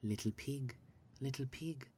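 A man voicing a menacing big bad wolf in a bedtime story, with low, hushed, drawn-out threats. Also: breathy edge. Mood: threatening.

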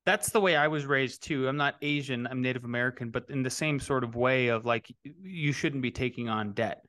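A man's voice: medium pitch, brisk, a bit bright. A middle-aged man hosting a casual interview podcast, asking long questions that wander and restart as he goes. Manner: rambling, frequent restarts. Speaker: podcast host, real estate developer.

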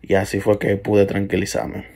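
A man's voice: lowish voice, monotone, normal speed, gravelly, a little mellow. Earnest man telling an eerie story. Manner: earnest, hesitant, restarts and trails off. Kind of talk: first-person paranormal story.

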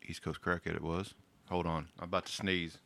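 Deep-voiced laid-back podcast host. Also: male voice, flat delivery, a little fast, gravelly, pushed and bright. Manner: loose, laughing, swears freely. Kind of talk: casual podcast chat.

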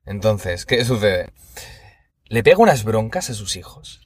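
A man's voice: lowish voice, big pitch swings, measured pace, husky, no room sound, studio quality. Young Spanish man, podcast co-host, slangy anecdotes, acts out voices. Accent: Spain Spanish. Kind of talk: casual chat.

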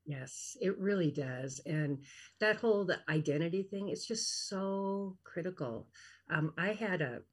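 A woman in her fifties, a guest who coaches women in transition, chatting casually and telling animated stories that act out the voices of the people in them. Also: lowish voice, measured pace, husky. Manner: animated storyteller, acts out quoted voices. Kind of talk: casual conversation.

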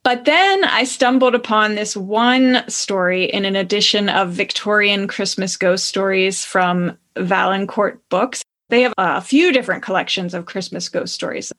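A woman co-hosts a podcast and retells a story in a casual, lively way. Her voice sits at a middle pitch. She sounds amused and relaxed. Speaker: podcast co-host.

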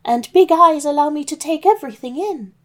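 A woman's voice: high voice, animated, a little fast, voice pushed up. A woman voicing a wolf who pretends to be a sweet old grandmother, in a sugary, fussy put-on old-lady voice. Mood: sugary fake. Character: big wolf faking a sweet old granny.

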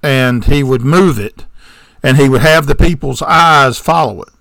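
Gravelly rambling podcast storyteller man. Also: mid-range voice, measured pace, fairly bright tone, dry recording, studio quality. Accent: Southern American. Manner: rambling storyteller with digressions and sarcastic asides. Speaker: podcast co-host. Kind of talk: casual chat, retelling a movie plot.

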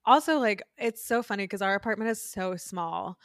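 A woman's voice: medium pitch, normal speed, a bit bright, no room sound, studio quality. Chatty woman podcast co-host. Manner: chatty, laughs easily. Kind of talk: casual chat.

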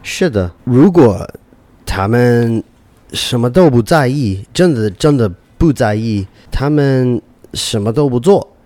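A man, a native English speaker, speaking non-native Mandarin with a foreign accent in a lazy, halting drawl during a casual chat. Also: medium pitch, lively intonation, mellow, dry recording.

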